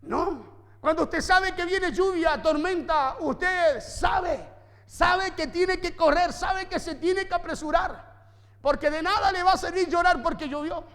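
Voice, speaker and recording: A man's voice: extremely high pitch, measured pace, a bit bright, long reverb tail. A man preaching a sermon as pastor, emphatic, with repeated phrases and rhetorical questions to the congregation. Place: church.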